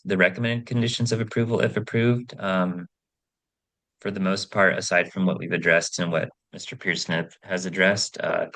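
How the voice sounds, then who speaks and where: Very deep, gravelly, halting man. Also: fairly bright tone. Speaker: applicant's representative at a hearing. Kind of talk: public hearing testimony.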